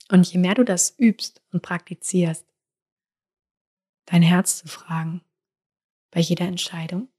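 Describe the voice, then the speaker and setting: A woman giving a spiritual coaching talk in a soft, intimate way, sometimes dropping into whispers. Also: lowish voice, breathy edge.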